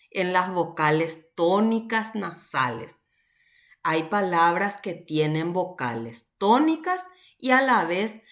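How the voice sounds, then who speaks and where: A woman teacher, explaining grammar rules slowly and patiently in a recorded online class, often checking in with her students. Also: medium pitch, fairly bright tone.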